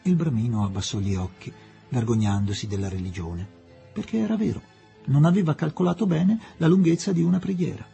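A man reading a novel aloud as an expressive, dramatic audiobook narrator. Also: on the high side, a little fast, vocal fry, soft background music.

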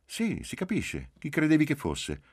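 A man's voice: on the high side, wildly swooping pitch, a little slow, a little mellow, husky, no echo, studio quality, pitched above the performer's own voice, full character voice. A man voicing a young wife with a caressing, languid way of speaking in an audiobook. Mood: tender. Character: young bride, tender, languid, clingy.

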